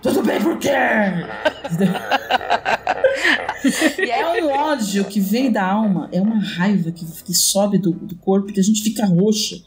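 A woman's voice: medium pitch, normal speed, few pauses, over a noisy crowd. A woman co-hosting a podcast, chatting casually and telling stories dramatically. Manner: animated, dramatic storytelling. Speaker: podcast co-host. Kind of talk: casual chat.

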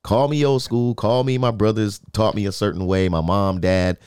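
A man's voice: lowish voice, steady tone, normal speed, a little mellow, clean tone, no echo, clean studio sound. A man co-hosting a sports talk show, speaking emphatically and often checking in with "right?". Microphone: in-ear monitor, studio.

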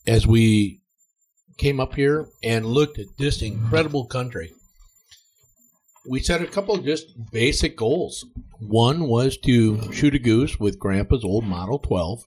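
A man's voice: mid-range voice, darkish tone, slight background noise, rough recording. An older man, a guest on a hunting trip, talking in a casual, dry, teasing and reflective way. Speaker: guest hunter. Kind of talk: casual chat.

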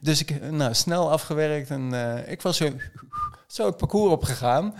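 A man's voice: fairly high pitch, animated, moderate pace, vocal fry. Man telling a casual story. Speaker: trail runner recounting a race.

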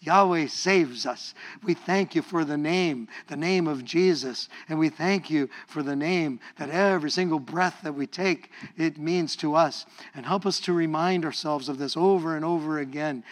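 A middle-aged male pastor preaching a sermon, playful and lively, often repeating words and leading the congregation in call-and-response praise. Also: a little high, normal speed, hardly any pauses.

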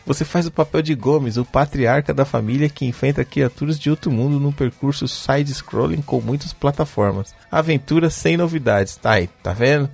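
A man's voice: medium pitch, normal speed, gravelly, hardly any pauses, darkish tone, slightly rough, faint music behind. A man co-hosting a podcast, chatting casually and joking while reading out bits of a magazine. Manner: chatty and confessional, jokes around. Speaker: podcast co-host.

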